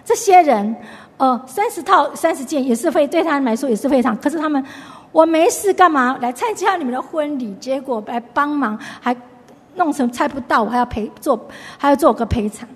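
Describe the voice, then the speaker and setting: A woman's voice: high-pitched, expressive, brisk, in a large hall. A woman giving a chatty Bible lesson, retelling the story and restarting her sentences often. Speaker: Bible study teacher. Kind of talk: conversational Bible teaching.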